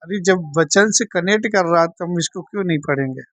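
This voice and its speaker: A woman teaching a Bible study, speaking slowly and checking in with her listeners after almost every point. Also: on the low side, no echo. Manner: slow, keeps asking "theek hai na?".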